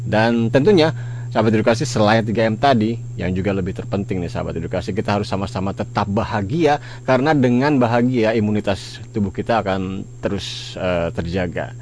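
A man presenting a live radio news bulletin in a halting, hesitant way. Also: fairly low pitch, lively intonation, darkish tone. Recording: radio broadcast with clear hum noise.

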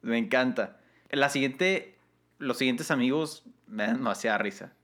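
Presentador mexicano de pódcast, charla relajada y cercana, con una voz de timbre brillante y comentarios ágiles. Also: male voice, mid-range voice, moderate pace, a bit bright. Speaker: podcast host. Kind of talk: casual chat.

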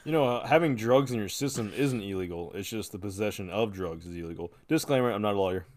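A man's voice: lowish voice, expressive, fast, a little mellow. A man chipping in casually on a podcast as a co-host. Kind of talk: casual chat, interjections.

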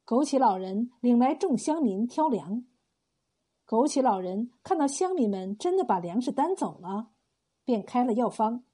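A woman narrating a folk tale in a slow, even storytelling manner. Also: a little high, slightly rough.

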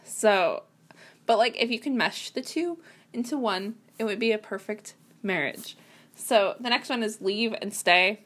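A woman's voice: medium pitch, unhurried, a bit bright. A young woman at home, chatting about writing tips with lots of fillers and restarts. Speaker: writer reviewing writing tips. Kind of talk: casual solo commentary. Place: at home at a computer.

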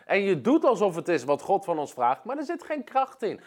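Animated man preaching. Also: high voice, normal speed. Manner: storytelling with emphatic repetition. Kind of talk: sermon.

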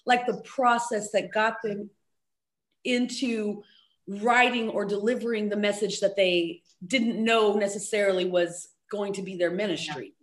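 A woman's voice: mid-range voice, steady tone, unhurried, roomy sound. A woman hosting a casual livestream chat over a video call, playful and bubbly as she reads viewer comments aloud. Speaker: host.

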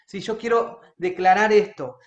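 A high-voiced man, preaching a sermon in an earnest, personal way. He keeps checking in with his congregation as he talks. The sound is roomy and echoey. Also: measured pace, lo-fi sound, noisy background. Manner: earnest, checks in with the congregation by asking "right?" again and again. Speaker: pastor. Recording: echoey room.

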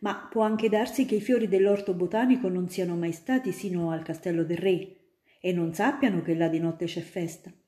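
A woman's voice: fairly low pitch, normal speed, natural voice. A woman voicing a kindly young male student who tells a little girl fanciful stories in a storybook reading. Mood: enthusiastic. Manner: animated storytelling. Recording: roomy echo.

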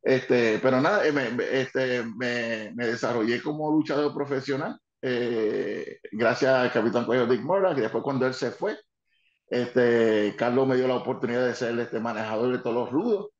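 An older man, a former wrestling manager telling lively stories and slipping English phrases into his talk. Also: medium pitch, moderate pace. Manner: lively, mixes in English phrases, many restarts. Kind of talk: animated anecdote telling. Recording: dull, roomy recording.

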